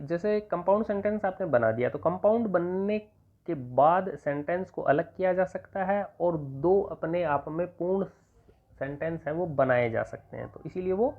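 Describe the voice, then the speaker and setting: Patient male teacher on tinny audio. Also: sits high. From Rajasthan, India. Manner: patient, repeats points, dictates examples slowly. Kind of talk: exam-prep grammar lesson. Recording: tinny phone-like sound.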